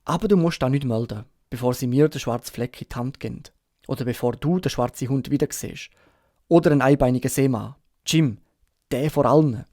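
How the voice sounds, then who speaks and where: A Swiss German man voicing a sick, gruff old sea captain in an audiobook, urgent and pleading in rough sailor talk. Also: medium pitch, fairly quick, dark tone, no room sound, studio quality, close to an everyday voice. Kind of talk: audiobook character reading.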